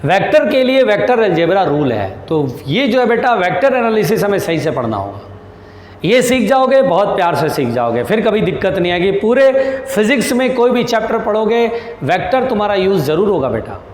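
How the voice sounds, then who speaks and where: A male physics teacher with a fairly high voice gives a patient lesson, slowly repeating each key term. He reassures his students and calls them "beta". The sound is roomy with a long reverb tail. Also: big pitch swings. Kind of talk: classroom lecture.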